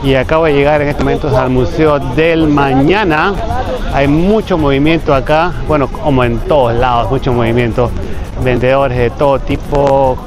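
A man's voice: mid-range voice, steady tone, moderate pace. A man narrating a walking-tour vlog outdoors, chatty and repeating himself as he talks to viewers. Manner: chatty, repeats phrases, addresses viewers as "gente". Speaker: travel vlogger. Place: outdoors on busy city streets. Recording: street crowd and music behind.

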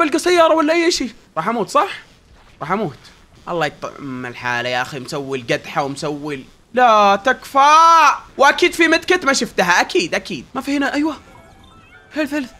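High, fast, excitable gamer man. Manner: yelling and pleading in tense moments, muttering when calm. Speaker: gaming YouTuber. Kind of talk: excited gameplay commentary.

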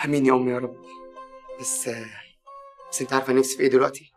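Brief: male actor, young Egyptian graduate, earnest, affectionate, rapid delivery. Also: mid-range voice, level tone, soft background music, lightly acted. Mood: hopeful. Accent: Egyptian Arabic. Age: young adult. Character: earnest, devout young man just graduated. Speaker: son, new graduate.

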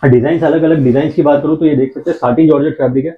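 A man showing fabrics in a shop, giving a steady sales pitch and repeating his phrases. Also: very fast. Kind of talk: showing products on camera. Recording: tinny phone-like sound.

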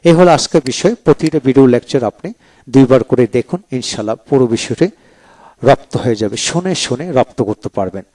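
A male teacher runs through a word list at an unhurried pace. He repeats each verb twice and then gives its meaning in an even, measured recital. His voice sits at a mid pitch for a man. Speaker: English teacher. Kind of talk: slow read-aloud vocabulary lesson.

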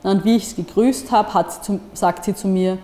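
A woman's voice: mid-range voice, moderate pace, dark tone. Woman reading in an echoey hall. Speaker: author reading at a public screening. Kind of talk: literary reading. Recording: echoey hall with long reverb.

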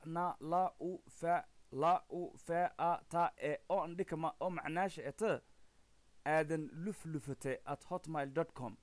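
A man's voice: a little high, darkish tone, no room sound. Maay-accented Somali man teaching English. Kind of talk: recorded language lesson explaining and translating a text.

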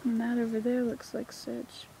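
An older woman paddling a kayak on a small pond outdoors, talking softly and half-whispering to viewers in a relaxed nature vlog, recorded on a handheld camera at arm's length. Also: on the high side, normal speed, noisy background. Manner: soft, musing, talks to the viewer while paddling. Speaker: vlogger. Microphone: handheld phone camera at arm's length.

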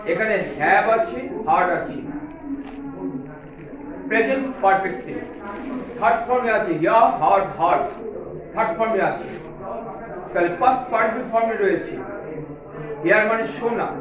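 Bengali guy teaching english, high-ish voice, really echoey room, sounds far off with a crowd behind. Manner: slow, deliberate, spells words letter by letter. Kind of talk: classroom lesson explaining an English text in Bengali.

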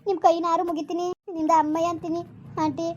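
A woman's voice: very high-pitched, flat delivery, fast, a little mellow. A woman playing a young village girl who begs to be taken home, in a family drama skit. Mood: pleading. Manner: begging, tearful pleading.

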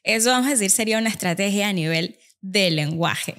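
A woman speech therapist guest, explaining methods in a calm, methodical way. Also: mid-range voice, brisk. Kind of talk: explanatory podcast conversation.

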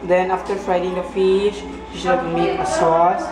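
A woman's voice: on the low side, flat delivery, unhurried, reverberant, loud music behind the voice, low-quality recording. A young Filipino-accented woman cooking at home, giving short, plain answers and simple step-by-step directions. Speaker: home cook. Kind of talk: casual kitchen chat. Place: small tiled home kitchen.

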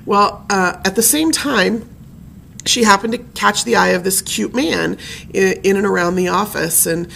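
A woman gives a conversational presentation in a chatty, personal way, filling her pauses with frequent ums. Her voice sits in a middle range with a noticeable creaky, gravelly edge. A faint noise sits behind her. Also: mid-range voice, a bit bright. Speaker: presenter at a family history talk.

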